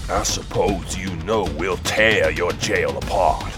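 Slow-talking, haughty cattle baron. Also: male voice, low-pitched, music in the background. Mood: cold, disdainful. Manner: imperious, threatening. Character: haughty, menacing male cattle baron, used to command. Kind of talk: western audio drama acting.

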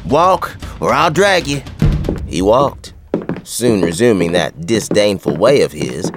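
A man's voice: lowish voice, very animated, takes it slowly, over loud music. An actor playing a wry, tough frontier sheriff who tells his western story in folksy talk with an American West accent. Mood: wry, determined. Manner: folksy, colloquial. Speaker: narrator and lead character. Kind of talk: dramatized first-person western storytelling.

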